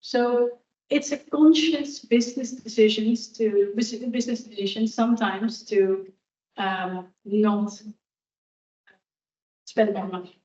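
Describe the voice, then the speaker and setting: In a university lecture hall, a woman guest speaker answers audience questions candidly and reflectively, her mid-range voice steady, slow, and dark in tone. The hall is echoey, and a distant room mic makes the sound dull.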